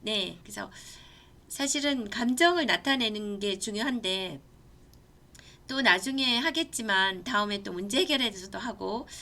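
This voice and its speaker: Her voice is mid-range, gravelly, bright and forceful at a moderate pace as this Gangneung lecturer talks through an online class. Middle-aged and speaking with a Gangwon Korean accent, she stays earnest and conversational and weaves in stories from her own life.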